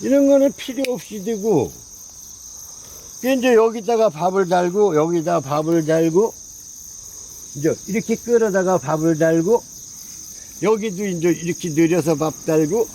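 A pine tree grower speaks outdoors in a high, warm voice at a measured pace with long pauses, casually showing how to prune. He points at branches and repeats his phrases in a folksy, repetitive way. The audio is poor, with slight background noise.

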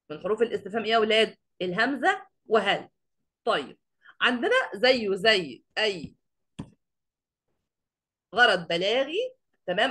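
Woman, Egyptian Arabic accent, teacher, online lecture, fairly high pitch, quizzes the class. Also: a bit bright. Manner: quizzes the class often, recites verses slowly.

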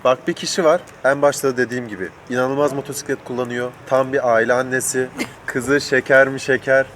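A man's voice: mid-range voice, fairly even intonation, brisk, a bit bright. A man hosting a casual chat interview, talking in a joking, teasing way. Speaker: host interviewer. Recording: clear outdoor traffic and vehicle noise. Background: urban outdoor ambience with vehicles.

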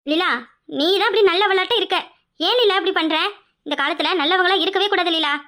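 A woman's voice: extremely high pitch, brisk, pushed and bright. A woman voicing a scheming, meddling older sister-in-law with a sneering, suspicious way of talking and a Kanyakumari Tamil accent.

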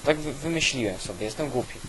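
A man's voice: mid-range voice, lively intonation, fast talker. Man with hissy, noisy mic. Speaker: gaming video host. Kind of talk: casual gameplay commentary. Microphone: old cheap weak microphone. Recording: constant hiss from weak microphone.

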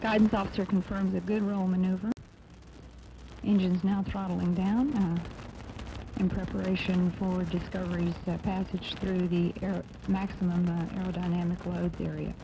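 A man giving live technical flight commentary as a mission control announcer, formal and measured. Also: high voice, little pitch movement, vocal fry. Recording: dull lo-fi broadcast, faint noise.

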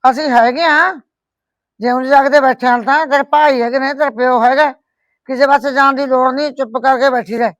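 A woman's voice: sits high, steady tone, brisk, no room sound, muffled recording, lightly acted. A middle-aged woman playing a firm, caring village mother who scolds and comforts her daughter in a rural family drama. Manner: scolding yet comforting, blunt.

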